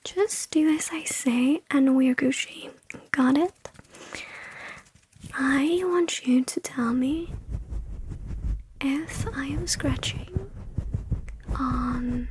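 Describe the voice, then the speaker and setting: Woman doing whispered asmr instructions, breathy, kinda high, repeats words lots, noisy recording w clicks. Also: slow, pauses often, darkish tone. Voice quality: breathy, mostly unvoiced whisper. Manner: whispers short phrases and repeats words over and over. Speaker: ASMR creator. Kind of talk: ASMR, whispered instructions in a playful focus test.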